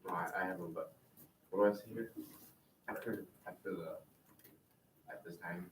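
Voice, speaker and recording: A man's voice: deep voice, moderate pace, fairly bright tone. A male student talking casually in a classroom. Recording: echoey, distant, noisy classroom pickup.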